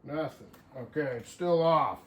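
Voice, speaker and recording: A hobbyist CB radio vlogger talks to viewers in a folksy, unscripted way, thinking aloud as he tinkers through a hands-on demonstration. His voice is a little high and fairly bright, at a measured pace.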